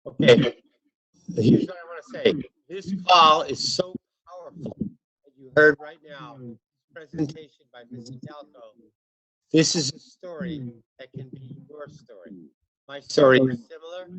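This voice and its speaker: A man's voice comes through a glitchy, choppy internet call, breaking up and swinging between loud and faint from moment to moment. He talks haltingly, pausing often and filling the gaps as he shares a testimonial over his computer microphone. The connection keeps dropping pieces of his words. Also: fairly high pitch, dull audio. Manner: halting, with many pauses and fillers. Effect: glitchy call audio breaking up and dropping in and out. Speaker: guest speaker on a group video call. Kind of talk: impromptu testimonial on a conference call. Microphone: computer mic on a video call.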